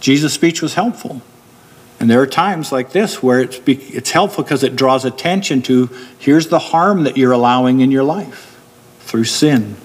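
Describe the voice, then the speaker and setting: Standing at the wooden pulpit of a church hall, a middle-aged man preaches into the pulpit mic with a husky, medium-pitched voice. His delivery is steady and explanatory, and he purposely eases his pace whenever a point needs to land.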